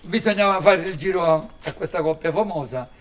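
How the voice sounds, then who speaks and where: A man with a thick-and-fast Sicilian delivery tells casual stories as an interviewed tour driver. His voice sits fairly high. He speaks colloquially, slipping into dialect. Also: a bit bright. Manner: colloquial, unschooled Italian mixed with dialect. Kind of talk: casual spoken anecdotes.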